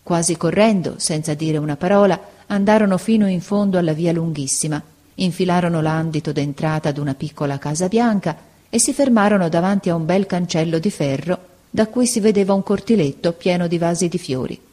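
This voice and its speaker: A woman reading a classic story aloud, with measured, expressive storytelling. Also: on the low side. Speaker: narrator. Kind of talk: scripted narration of a classic tale.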